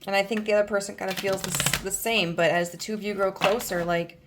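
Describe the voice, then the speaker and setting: A woman's voice: medium pitch, flat delivery, fast talker, very noisy. A woman in her thirties giving a casual tarot reading, chatty and loose, full of fillers and restarts. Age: 30s. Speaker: tarot reader.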